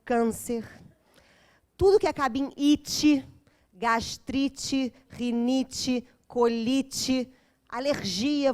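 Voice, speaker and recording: A woman's voice: high voice, a little mellow. A woman giving an intense, dramatic talk at a parents' course, quizzing her audience as she goes. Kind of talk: lecture to a live group.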